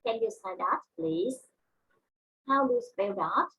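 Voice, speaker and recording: A woman's voice: on the high side, expressive, slow, vocal fry, bright, forceful tone, a little hiss or hum, rough recording. A woman English teacher with a Vietnamese accent, giving a class, spelling words out letter by letter and explaining in Vietnamese. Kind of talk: online class lesson.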